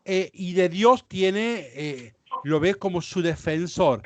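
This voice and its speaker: A man with a Rioplatense Spanish accent teaches a Bible class as a priest, speaking slowly in a high, lively voice. He explains patiently and keeps asking his listeners whether they follow. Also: no echo. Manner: explanatory, frequent checks like ¿sí? and ¿ven?.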